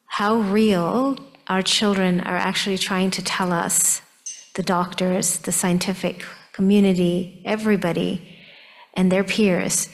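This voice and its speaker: A woman speaking as a parent on a panel, in a deliberate, emphatic way. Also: mid-range voice. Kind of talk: panel remarks.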